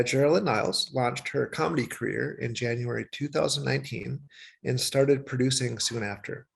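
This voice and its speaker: A man's voice: medium pitch, gravelly, breathy edge. A man hosting an event, reading an introduction hesitantly with many fillers. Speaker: event host. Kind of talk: read introduction.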